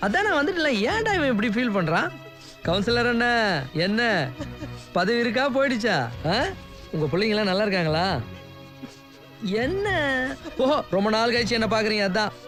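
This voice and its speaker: An actor playing a cheerful young village man back home, greeting family and friends in a warm, teasing way. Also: sits high, big pitch swings, normal speed, long pauses, faint music behind. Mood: affectionate. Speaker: lead character. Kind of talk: film drama acting.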